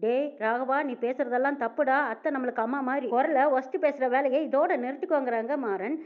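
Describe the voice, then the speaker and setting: Fast high-voiced woman recapping a serial. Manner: narrates quickly, reads out each character's lines with tags like "she says". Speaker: narrator retelling a TV serial episode. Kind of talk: fast storytelling recap voicing all characters. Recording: tinny phone-like sound.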